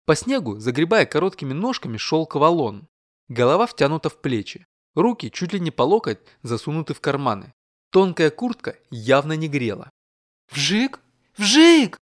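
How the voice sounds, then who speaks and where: A man reading a novel aloud with dramatic flair. His voice is fairly high and rides up and down vividly. The sound is dry and close to the mic. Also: a little fast, dry recording. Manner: lively, dramatic. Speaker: audiobook narrator. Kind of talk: expressive audiobook narration.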